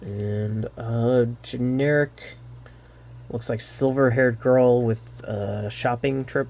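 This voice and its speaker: A man rambling through a card unboxing, halting often with fillers and restarts, a little winded. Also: mid-range voice, steady tone, gravelly, darkish tone. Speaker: card unboxing channel host. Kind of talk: casual unboxing commentary.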